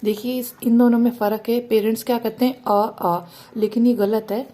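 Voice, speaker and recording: A woman's voice: on the high side, little pitch movement, fairly quick, warm tone. A woman teaching parents the Hindi alphabet, asking questions and answering them herself, stretching out the vowel sounds.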